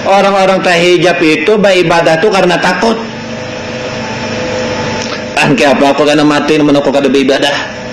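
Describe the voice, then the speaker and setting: A man's voice: on the high side, steady tone, moderate pace, pauses often. Banjar-accented man teaching a Sufi lesson, raised voice, preachy questions, old worn tape, roomy and hissy. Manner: rhetorical questions, mixing Arabic quotes with local dialect. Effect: old worn tape recording. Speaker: religious teacher. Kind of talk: Sufi study lesson to a gathering.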